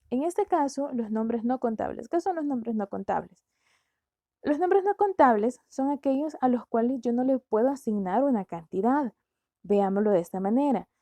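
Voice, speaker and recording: A woman's voice: a little high, mellow, dry recording. A woman teaching a grammar lesson, explaining step by step with rhetorical questions.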